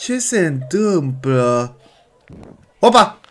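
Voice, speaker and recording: Brief: male reaction host, exclaims and jokes a lot, animated voice. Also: fairly high pitch. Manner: excitable, exclaiming, joking. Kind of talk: casual reaction commentary.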